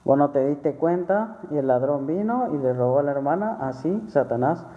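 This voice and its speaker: A man's voice: fairly high pitch, lively intonation, moderate pace. A man giving a sermon testimony in a conversational way, repeating phrases and often tagging on questions. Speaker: church member preaching. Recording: tinny phone-like sound with long hall reverb.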